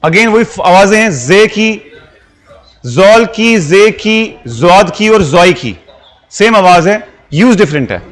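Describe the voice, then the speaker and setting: Male teacher, high voice, patient classroom explainer mixing Hindi and English. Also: lively intonation, a little slow. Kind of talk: classroom lesson.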